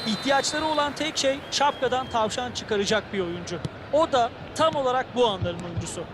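A man works as a football co-commentator, speaking in a very high-pitched voice. He offers analysis of the match with clear stadium noise behind him. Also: expressive, a little fast.

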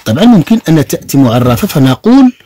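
A man with a Moroccan Arabic accent teaching French to beginners, repeating each word slowly and spelling out its sounds. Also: fairly high pitch, very animated, warm tone, no room sound. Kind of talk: online language lesson.

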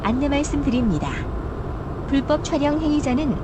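A high-pitched woman's voice delivers a recorded train station announcement, formal and polite in an even rhythm. The running noise of a train carriage sits clearly underneath her. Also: fairly quick. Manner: formal, evenly paced, polite. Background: train and vehicle noise.

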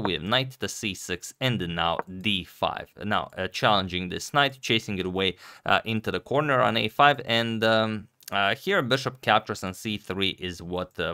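A middle-aged man works as a chess commentator with a low, bright voice. He explains each move informally to his viewers, recorded dry and close at a desk microphone. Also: gravelly, no echo. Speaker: chess commentator, video host. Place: home room, indoors. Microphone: desk microphone close to the speaker.

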